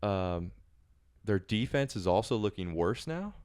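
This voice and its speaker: Low-voiced man in profane sports chat. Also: lively intonation, unhurried, darkish tone, clear, resonant tone, no echo, clean studio sound. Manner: profane, blunt. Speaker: podcast host.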